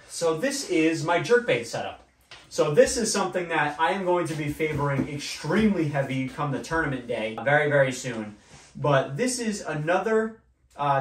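Young man chatting about gear in a roomy room. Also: a little high. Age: young adult. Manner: relaxed, chatty, many fillers. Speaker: fishing channel host. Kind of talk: casual gear walkthrough. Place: small indoor room at a table. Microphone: far camera. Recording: roomy echo, voice far from mic.

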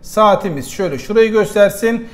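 A man with a notably high voice teaches young pupils how to read a clock. He walks through each step, counts the minutes out loud and answers his own questions as a pupil would. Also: animated, a little fast. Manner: explains step by step, counts aloud, voices pupils' answers, often says "arkadaşlar". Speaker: primary school math teacher. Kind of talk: classroom lesson at a board.

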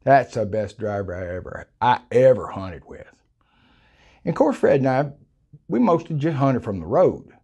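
Recorded on a lapel mic in a small room, this casual hunting tale comes from an older South Texas man with a husky, mid-range, darkish voice. He spins it folksy and colorful, performing the quoted voices.

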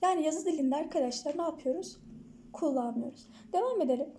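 High, mellow-voiced woman teacher. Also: expressive. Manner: asks the class questions and answers them herself; repeats example words slowly and clearly. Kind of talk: online lesson explaining grammar slides.

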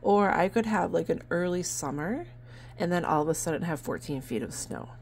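Animated and moderately paced, her lowish voice is gravelly and darkish, with slight background noise. A middle-aged vlogger and barn sale seller from New Hampshire, USA, she chats casually at her home table about her barn sales, rambling with lots of fillers into a handheld phone.

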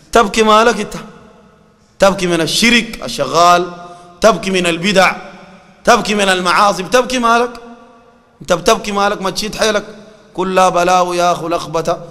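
A Sudanese-accented man preaches in a lively, mocking way and quotes scripture often. His voice is high and bright and he talks fast. The sound carries a long hall reverb. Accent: Sudanese Arabic. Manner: animated and mocking, quoting scripture. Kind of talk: colloquial sermon.

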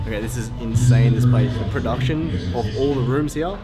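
Excited young man vlogging a stadium tour. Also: medium pitch, fairly quick, loud music behind the voice. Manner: excited, swearing casually. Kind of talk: casual travel vlog. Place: stadium and museum, indoors and outdoors. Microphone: camera held at arm's length.

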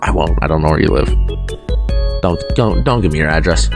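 A man's voice: rumbling low, a little fast, vocal fry. A young man reviewing food in a casual vlog, talking after a bite, rambling and joking with frequent self-corrections. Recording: music playing under voice.

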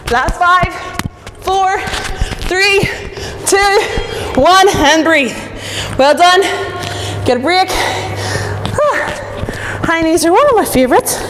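A young woman coaching a workout as a fitness instructor, encouraging and breathy from exercise. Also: extremely high pitch, expressive, slow, pauses often. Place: large indoor studio with wooden floor. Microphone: distant camera. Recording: echoey hall from far off, noisy.

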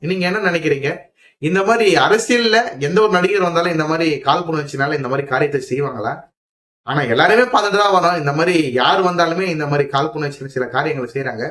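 Fast-talking man doing news commentary. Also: a little high, fairly bright tone, roomy sound, distant mic. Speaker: channel host.

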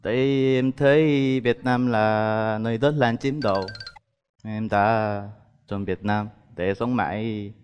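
Korean man speaking halting Vietnamese. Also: on the low side, fairly even intonation, darkish tone. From South Korea. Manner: halting, imperfect non-native Vietnamese. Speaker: dating show contestant. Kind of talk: polite interview answers on a stage. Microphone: headset. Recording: echoey TV studio, music underneath.

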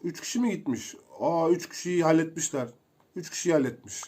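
A young man giving casual, excitable commentary while playing a video game, chatting to his viewers as he goes. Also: fairly high pitch, a little fast, husky. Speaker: gameplay streamer.

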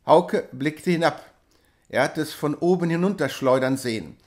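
A man reading a classic novella aloud in a measured, dramatic storytelling manner. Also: fairly high pitch, a little mellow. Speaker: audiobook reader. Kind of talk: literary reading.

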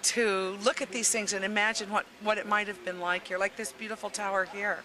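A woman in her fifties from the United States, a traveler on the bus, answers a street interview outdoors at a busy public event, speaking into the interviewer's handheld mic with crowd noise behind. She rambles thoughtfully and searches for words. Her medium-pitched voice is flat, a little fast, bright, and forceful.

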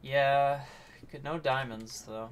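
A man's voice: mid-range voice, steady tone, slow pace, a little hiss or hum. A man chatting casually while recording his gameplay, dry and self-deprecating, with a mumbling delivery. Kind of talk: casual chat while playing.

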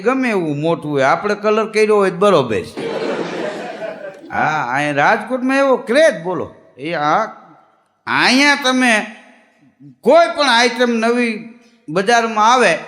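A man telling comic stories onstage, his fairly high voice leaping up and down as he acts out each character. The sound rings with long reverb, like a big hall. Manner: lively joke-telling, acting out characters' lines. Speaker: stand-up comedian. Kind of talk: comic storytelling to a live audience.

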